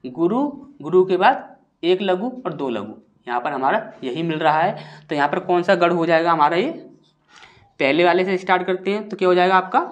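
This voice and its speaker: Male tutor explaining step by step. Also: sits high. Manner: explains step by step, asks and answers his own questions; sounds out syllables slowly and with stress. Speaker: Hindi grammar teacher. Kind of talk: classroom-style lesson.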